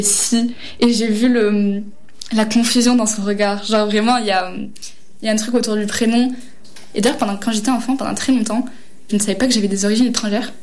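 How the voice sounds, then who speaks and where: A high school girl gives reflective testimony in an interview, often hesitating and using fillers while collecting her thoughts. Her voice is medium-pitched and a little mellow.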